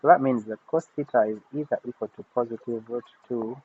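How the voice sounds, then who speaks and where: Male math teacher, steady step-by-step explainer, mid pitch, phone-like lo-fi audio with faint hiss. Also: fast. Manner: steady step-by-step explaining, talking through working aloud. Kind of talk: recorded math lesson.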